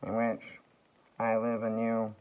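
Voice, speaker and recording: A man rambling through a slow, halting vlog monologue full of fillers and restarts. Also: fairly low pitch, monotone, clear, resonant tone. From United States. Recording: tinny phone-like sound.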